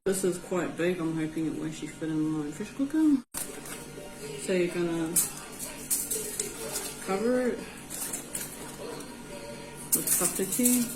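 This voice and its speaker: Woman, New Zealand Māori accent, fairly low pitch, offhand home-cook tutorial, Māori words mixed in, echoey room, background music. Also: unhurried, pauses often. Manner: informal, easygoing, offhand. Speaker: home cook presenting a recipe. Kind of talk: casual cooking tutorial, mixing in Māori words. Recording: roomy echo with music behind.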